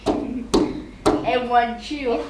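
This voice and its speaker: A woman's voice: on the high side, extremely slow. A woman chatting casually and encouragingly with small children in a home video. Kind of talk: casual chat with a baby. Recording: very noisy, echoey home video.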